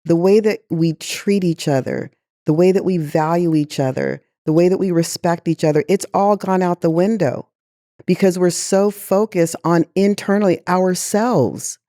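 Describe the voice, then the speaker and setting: Impassioned woman guest, mellow tone. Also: on the low side, moderate pace, dry recording, studio quality. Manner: impassioned, rhetorical, sighs heavily. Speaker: guest executive. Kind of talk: passionate conversational interview.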